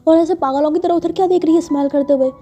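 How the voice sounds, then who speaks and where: A woman's voice: sits high, fast talker, dark tone, lightly acted. A woman voicing a bossy, worried young woman who pleads and scolds her friend. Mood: exasperated. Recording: dull lo-fi with faint music.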